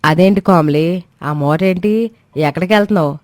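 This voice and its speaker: A man's voice: sits high, normal speed, darkish tone, no echo, voice pushed up, lightly acted. A male narrator voicing a scheming, domineering older mother-in-law who talks in a falsely doting, sweet-talking way. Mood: probing.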